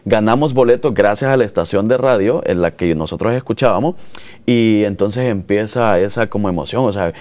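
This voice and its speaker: A man's voice: fairly low pitch, a little fast, darkish tone. A Salvadoran man in his thirties, a radio announcer, answering interview questions in an earnest, reflective way. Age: 30s.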